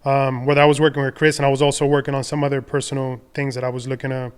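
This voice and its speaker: A young adult man from the Dominican Republic, a podcast guest telling his career story in a relaxed, rambling way with many fillers and restarts. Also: mid-range voice, racing, clear, resonant tone. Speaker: podcast guest, designer and entrepreneur. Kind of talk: casual conversational storytelling.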